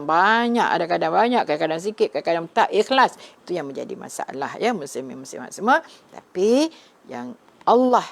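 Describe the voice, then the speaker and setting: Middle-aged female religious teacher, low gravelly voice, gentle chatty delivery to an online audience. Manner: gentle, conversational, often tagging "ya" and addressing the audience. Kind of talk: live online religious talk, reading viewers' comments.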